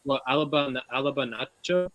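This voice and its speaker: A man's voice: medium pitch, fairly quick, muffled recording, a crowd in the background. A man in casual sports talk, his voice coming through a glitchy mic that makes it sound robotic and metallic, hesitant with many fillers. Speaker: panelist. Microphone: faulty online call mic.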